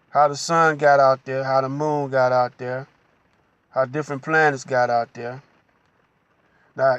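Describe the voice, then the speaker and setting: A man with a voice on the high side hosts a slow, unhurried religious teaching monologue. He pauses often and keeps adding "you know," in a dry recording.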